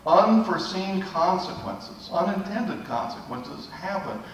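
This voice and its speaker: A man's voice: high voice, animated, unhurried, a little hiss or hum. A man giving an emphatic public comment at a hearing, repeating phrases for effect. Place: large public meeting room. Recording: echoey hall from a distance.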